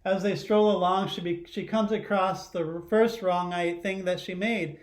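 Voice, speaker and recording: Here a middle-aged man who teaches reads aloud from a children's picture book, full of expression and pausing to question his audience. His voice is high and steady in tone, and he's in the living room at home.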